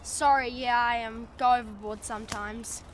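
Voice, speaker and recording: A woman's voice: on the high side, steady tone, heavy background noise, close to an everyday voice. A young woman playing a blunt stranded teenager in film dialogue, firing off questions. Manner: blunt, rapid-fire questions.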